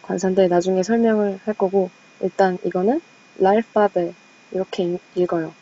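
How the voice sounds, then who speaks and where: A young woman leads a casual study session. She chats in a self-deprecating way and reads each French word slowly and carefully. Her voice is mellow and warm, and the recording sounds dull and lo-fi. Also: mid-range voice, steady tone, slight background noise. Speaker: study group presenter.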